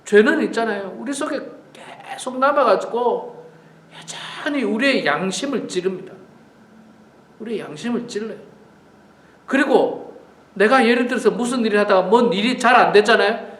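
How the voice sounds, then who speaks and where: A man's voice: high-pitched, normal speed, pauses often, fairly bright tone, reverberant. A male pastor giving an earnest, emphatic morning prayer sermon, repeating key phrases. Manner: earnest, repetitive, emphatic preaching.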